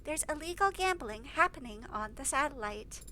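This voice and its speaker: A woman's voice: sits high, expressive, normal speed, sharp tone, slight background noise. A woman voicing a pedantic middle-aged father who explains a movie plot in detail. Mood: explaining.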